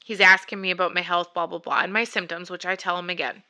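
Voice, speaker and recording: A woman vlogger tells a rambling, chatty story about her personal health journey, acting out both sides of the conversations she recalls. She talks fast, in a fairly low pitch with fairly even intonation and a sharp tone.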